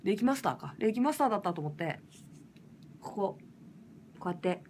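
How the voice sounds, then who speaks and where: A woman singer from Fukushima chatting casually and roughly on a late-night livestream, laughing often. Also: medium pitch, quick pace, a little hiss or hum. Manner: lively, rough casual speech with frequent laughs.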